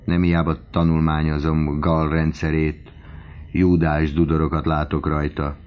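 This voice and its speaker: A man voicing a lively, teasing young male medical student, on a dull lo-fi recording. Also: rumbling low. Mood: playful. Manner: teasing, playful.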